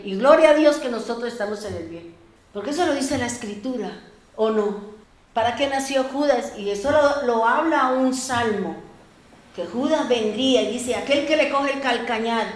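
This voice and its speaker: A woman pastor, preaching a sermon in a lively storytelling way and acting out voices. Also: fairly high pitch, roomy sound. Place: church.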